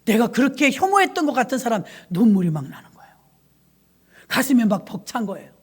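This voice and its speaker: A woman's voice: a little high, big pitch swings, fast, breathy edge. A middle-aged woman pastor preaching a sermon, emphatic and firing rhetorical questions at her congregation.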